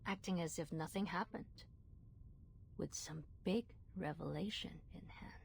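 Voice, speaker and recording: A woman's voice: lowish voice, a little slow, creaky. A woman playing a suspicious gossip in a game, speaking in a speculative, pointed way. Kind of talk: game voice acting. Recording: faint noise and ambience behind.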